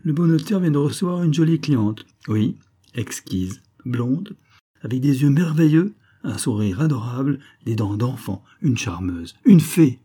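A man's voice: mid-range voice, animated, unhurried, mellow, slightly rough, voice pushed up. A man voicing a scheming villainous count who feigns emotion in theatrical exclamations, read in an audiobook. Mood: mocking.

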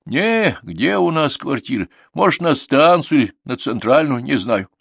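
A man's voice: medium pitch, big pitch swings, vocal fry, fairly bright tone, breathy edge, no echo, clean studio sound, pitched above the performer's own voice, exaggerated voice. A man voicing a simple, trusting old village grandmother with speech in an audiobook. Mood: earnest. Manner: folksy, singsong, drawn-out dialect speech. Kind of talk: audiobook character reading.

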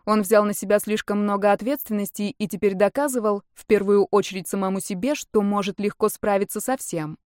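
A woman narrating a novel in a steady, even reading voice, close to the mic. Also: medium pitch, brisk, hardly any pauses, no room sound. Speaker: audiobook narrator. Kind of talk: scripted narration.

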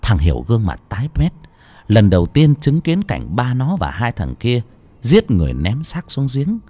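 A man narrating a story, with a dramatic, expressive reading. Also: medium pitch, normal speed, no echo. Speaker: audiobook narrator.

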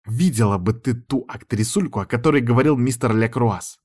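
A man's voice: medium pitch, brisk, darkish tone, natural voice. A man voicing a chatty young backstage woman who gossips snidely. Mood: gossipy.

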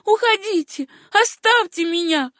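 Brief: woman reading a desperate young heroine, high and strained, pleading and defiant. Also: lively intonation, normal speed, fairly bright tone, no echo, studio quality. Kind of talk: audiobook character reading.

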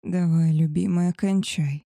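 A woman's voice: on the low side, steady tone, measured pace, creaky, dark tone, dry recording, clean studio sound. Gabriel, a woman reading a tender werewolf alpha. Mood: tender, possessive. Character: male werewolf alpha, tender and possessive lover. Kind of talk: audiobook character voice.

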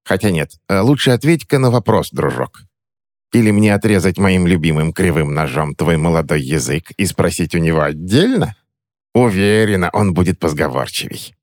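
A man's voice: deep voice, animated, moderate pace, no room sound, studio quality. A man voicing a suspicious, cranky old woman who threatens and snaps at an intruding boy, in a storybook reading. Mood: menacing. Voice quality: sharp, snapping, mocking.

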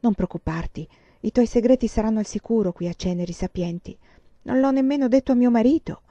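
A woman reading the part of a kind, protective village wife, speaking gently and courteously. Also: a little high, fairly quick, dry recording, muffled recording, pitched above the performer's own voice. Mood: reassuring.

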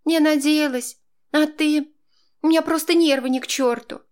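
A man voicing a nervous, quarrelsome young mother who pleads and shouts at her husband in an audiobook. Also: steady tone, normal speed. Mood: pleading. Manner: pleading, then shrill and shouting.

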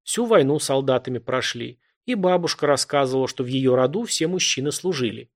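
A man voicing a quick-witted young working man who hides his fear behind wry replies. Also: mid-range voice, lively intonation. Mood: wary.

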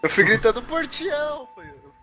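A man's voice: sits high, lively intonation, fast, music in the background. A man playing in a live tabletop game, joking playfully. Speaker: player.

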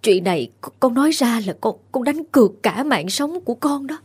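A frightened young cook speaks in a trembling, hushed voice, as a woman acts her out. Her tone is breathy and kind in this ghost-story reading. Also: on the high side, lively intonation, brisk. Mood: grieving.

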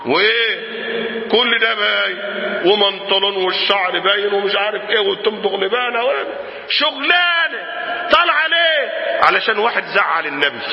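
A man with an Egyptian Arabic accent preaching a sermon, asking the crowd questions and swinging from low murmurs to shouts. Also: gravelly. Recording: echoey hall, dull lo-fi sound.

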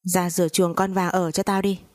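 A woman's voice: fairly low pitch, level tone, a little fast, lightly acted. A woman voicing a harsh scolding mother-in-law. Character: cruel scheming mother-in-law, older woman.

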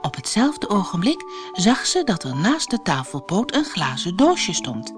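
A woman from the Netherlands reading a children's storybook aloud with lively, expressive narration over soft music. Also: on the low side, unhurried.

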